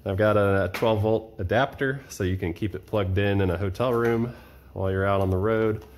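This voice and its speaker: A man in his thirties casually walking through his camping kitchen gear at home, chatty and relaxed with frequent fillers. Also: on the low side, normal speed, slight background noise. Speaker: vlogger showing camping gear. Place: cluttered home storage room and kitchen, indoors.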